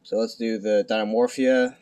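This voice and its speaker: A young man speaking quietly at night in a hushed tone, giving a casual, unscripted card deck profile in a halting, self-deprecating way. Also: on the low side, little pitch movement, clean tone. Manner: halting, self-deprecating, stumbling over words. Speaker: amateur video creator presenting a card deck. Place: at home at night.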